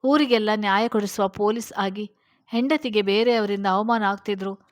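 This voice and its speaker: A woman's voice: medium pitch, moderate pace, natural voice. A woman voicing a remorseful, tearful husband who is a policeman, in a read-aloud story. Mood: regretful. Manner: apologetic, tearful.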